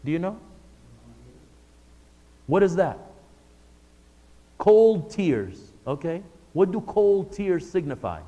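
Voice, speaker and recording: A man's voice: high voice, lively intonation, measured pace, long pauses, dark tone, lo-fi sound. A man giving a religious lesson to a live class, speaking conversationally and putting questions to the audience. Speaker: religious teacher. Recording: long hall reverb.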